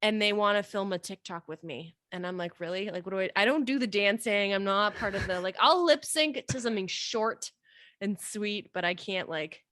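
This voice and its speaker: A woman's voice: medium pitch, moderate pace, bright, forceful tone, dry recording, studio quality. A woman from Romania, a dental hygienist and practice owner, chatting casually and joking in an interview.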